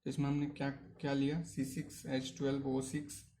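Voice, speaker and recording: A man teaching a chemistry lesson in Hindi, mixing in English terms. He keeps asking the class questions, answers them himself, and fills pauses with hesitations. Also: mid-range voice, completely flat delivery, mellow, slight background noise. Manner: asks questions then answers them, frequent "है ना" tags; hesitant fillers. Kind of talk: online chemistry lecture.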